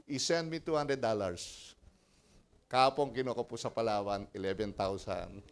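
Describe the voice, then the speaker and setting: A man with a Filipino accent, a pastor preaching a sermon and telling personal stories with lively, animated delivery. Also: fairly low pitch, moderate pace, clean tone. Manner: animated storytelling, mixing Tagalog and English, laughing often.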